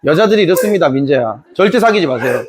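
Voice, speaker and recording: A man's voice: on the high side, expressive, quick pace, very noisy. A man teaching a history class in a playful, joking way, acting out scenes. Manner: playful, jokey, acts out scenes. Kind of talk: lively classroom lecture.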